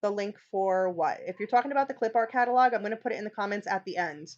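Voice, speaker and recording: With an animated, medium-pitched voice, a New York teacher talks fast while leading a live screen-share tutorial for teachers. She's chatty, keeps saying "okay," and restarts often, all over dull audio.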